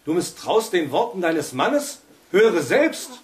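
A man voicing an irritable, nervous middle-aged neighbor who bursts into shouting in a read-aloud story. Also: high-pitched, animated, measured pace, roomy sound, voice pushed up. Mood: exasperated shouting. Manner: shouting, agitated, later pleading. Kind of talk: audiobook reading.

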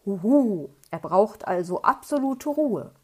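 A wise old owl hoots and speaks knowingly in a bedtime story, as a woman puts him on. He sounds calm and amused. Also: medium pitch, takes it slowly, husky. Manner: knowing, hooting.

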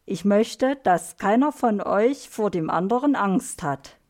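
A woman voicing a calm, fair female carer who speaks gently and soothingly in a storybook. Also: medium pitch, slow. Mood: gentle.

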